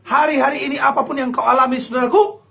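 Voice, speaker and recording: Gravelly-voiced male pastor preaching. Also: very high voice, steady tone, fast talker, pushed and bright. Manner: emphatic preaching, acts out quoted voices, repeats phrases. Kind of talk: sermon.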